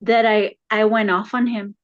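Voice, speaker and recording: A woman as a counseling client, retelling a home conflict haltingly with many fillers, her voice rising when upset. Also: medium pitch, level tone, no room sound, muffled recording. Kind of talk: emotional retelling in a counseling session.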